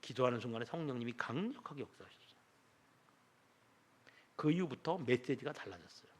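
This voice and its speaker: A man's voice: mid-range voice, expressive, a little fast, slightly rough. A middle-aged man preaching a Sunday sermon as pastor, telling a story and acting out its dialogue. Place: church sanctuary.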